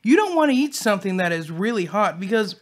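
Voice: mid-range voice, sing-song, fast. A co-host chatting casually on a hot-sauce episode, sweating from the heat, often repeating and restarting words. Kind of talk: casual chat while eating hot sauce.

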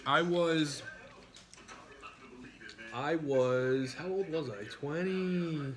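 A man's voice: a little high, very slow, crowd noise. Crude joking man in his thirties. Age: 30s. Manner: crude, joking, reads viewer names aloud. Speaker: mukbang streamer. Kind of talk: casual live-stream chat while eating. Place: home kitchen at a dining table.

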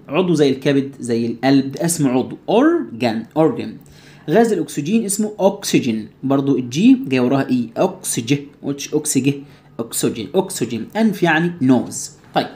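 Quick Egyptian man teaching English words. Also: a little high, darkish tone. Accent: Egyptian Arabic. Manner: explains step by step, asks himself students' questions and answers them; repeats English words slowly to drill pronunciation. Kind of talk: recorded classroom lesson.

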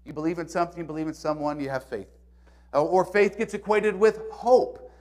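A man preaching a sermon as pastor in a church, earnest, moving between loud emphasis and soft, hushed reading. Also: fairly high pitch, a little fast. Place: church sanctuary.

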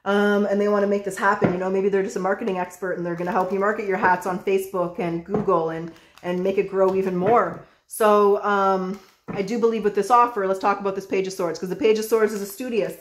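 A woman giving a casual tarot reading, chatty and excitable, who swears freely. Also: mid-range voice, a little fast, reverberant, a little hiss or hum. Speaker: tarot reader.

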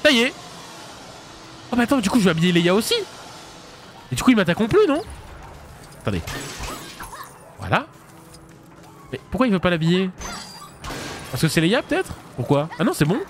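Lively high-voiced male game streamer. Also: moderate pace, pauses often, slight background noise. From France. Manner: animated, chatty, laughs often, reacts loudly. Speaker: streamer playing a video game. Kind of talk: casual live gameplay commentary.

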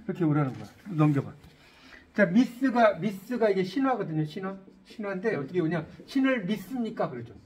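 Middle-aged guy teaching english, fairly high voice, keeps asking the class stuff. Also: a little fast, a little hiss or hum. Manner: lively, asks students questions, jokes. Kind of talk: classroom-style lecture.

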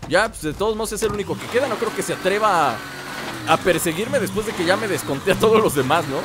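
Over noisy, loud game sounds, a Mexican-accented gamer narrates his let's play in a high, lively voice at a quick clip. He's talkative, responds to the game as he goes, and dwells at length on side explanations.

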